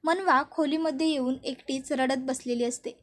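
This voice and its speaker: A woman narrating a voice-over recap of a television serial episode in a steady storytelling manner. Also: high voice, moderate pace. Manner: steady storytelling with many fillers.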